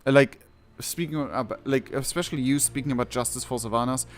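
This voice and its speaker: Game music plays under a man streaming a game, his medium-pitched voice moving a little fast as he reads out quest text. He reacts casually, with eager exclamations alongside hesitant, self-correcting commentary.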